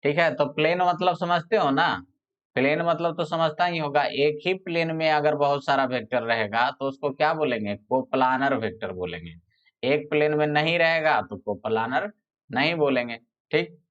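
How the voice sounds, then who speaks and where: Man dictating a physics lesson slowly. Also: on the high side, a bit bright. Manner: explains step by step, repeats words slowly when dictating. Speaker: physics teacher. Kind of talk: classroom lecture with dictation. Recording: dull lo-fi sound.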